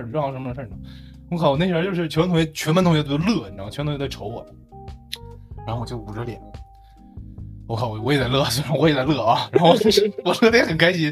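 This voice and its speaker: A young man, co-hosting a podcast and telling a story in a casual, animated way with frequent laughs. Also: fairly high pitch. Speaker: podcast co-host.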